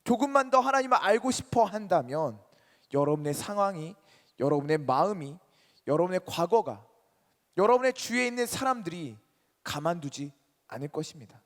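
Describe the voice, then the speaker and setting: A man preaching to a college group, emphatic and questioning his congregation, his delivery swinging between loud and soft. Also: high voice, lively intonation, normal speed. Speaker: pastor. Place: church sanctuary. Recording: reverberant church hall.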